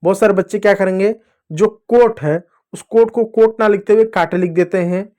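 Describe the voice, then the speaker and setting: A man teaching children to read Hindi, asking the class questions and slowly drilling each letter sound. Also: sits high, a little mellow. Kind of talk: children's Hindi reading lesson.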